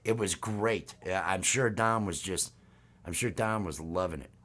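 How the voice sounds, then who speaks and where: A man hosting a live stream, chatting casually, excitable and quick to laugh, often restarting his sentences. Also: deep voice.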